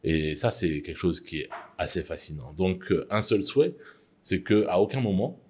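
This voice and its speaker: Very deep-voiced man, measured and hesitant. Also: lively intonation, breathy edge. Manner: measured, hesitant with frequent fillers. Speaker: interviewee, mining executive. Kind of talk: formal interview answers.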